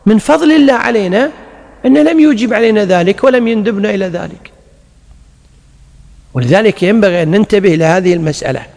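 Male religious scholar, high-pitched, patient explanatory delivery, long reverb. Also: animated, fast talker, creaky, pauses often, darkish tone. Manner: explanatory, repeats key phrases, recites examples. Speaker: Islamic scholar answering questions. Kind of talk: religious Q&A lecture.

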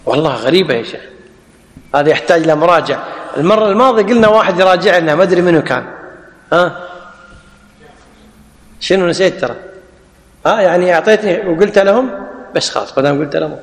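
A man's voice: sits high, lively intonation, fast talker, long pauses, roomy sound, in a large hall. A man with a Kuwaiti Arabic accent teaching a classical Arabic lesson, dictating and repeating word forms for his students.

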